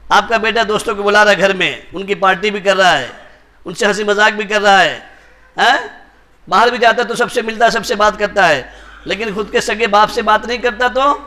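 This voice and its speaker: A man's voice: sits high, pushed and bright. A man with an Indian Urdu accent giving a sermon, as a mufti preacher who keeps asking rhetorical questions and tagging lines with short checks to his listeners. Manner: rhetorical questions, repeated tag questions.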